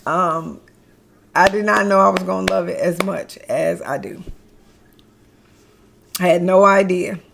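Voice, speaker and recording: A woman's voice: fairly low pitch, a little slow, creaky, pauses often, slight background noise. A middle-aged mother chatting as an interview guest, playful and laughing often, repeating words for emphasis. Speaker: guest, mother and business founder. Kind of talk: casual conversational interview.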